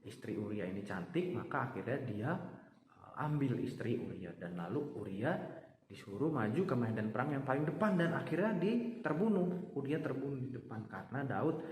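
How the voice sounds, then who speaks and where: A man giving a children's sermon, speaking in an animated, storytelling way and acting out voices for the kids. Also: medium pitch, normal speed. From Indonesia. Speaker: children's church teacher. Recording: echoey hall, faint background noise.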